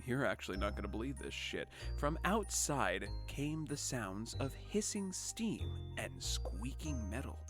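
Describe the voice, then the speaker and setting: A man narrating a comedic parody of a storybook, shifting from a calm reading into crude, sarcastic asides. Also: mid-range voice, measured pace, hardly any pauses. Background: background music.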